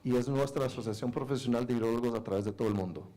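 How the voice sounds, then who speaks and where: Male interpreter, mellow relaxed tone, medium pitch, phrase-by-phrase lecture delivery, hesitant rephrasing. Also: rapid-fire.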